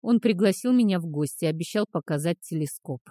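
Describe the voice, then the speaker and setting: A woman reading the part of a modest, polite teenage orphan boy apprentice in an audiobook, speaking quietly. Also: lowish voice, animated, a little fast, no room sound, clean studio sound, voice pushed down.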